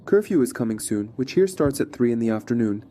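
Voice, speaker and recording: A man's voice: mid-range voice, animated, a little fast, mellow. A man narrating a scripted frontline report as a war correspondent.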